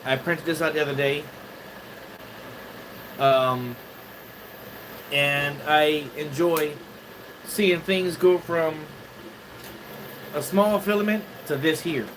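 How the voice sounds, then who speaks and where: Man, casual livestreamer greeting chat from his home studio; halting delivery, voice a bit high, audible room noise. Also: steady tone. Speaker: 3D printing livestreamer.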